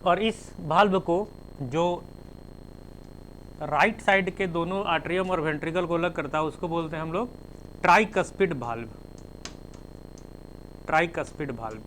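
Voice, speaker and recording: A man's voice: a little high, moderate pace, long pauses, fairly bright tone, slight background noise, poor audio. A male teacher giving a classroom lecture, spelling terms out letter by letter and explaining with everyday examples.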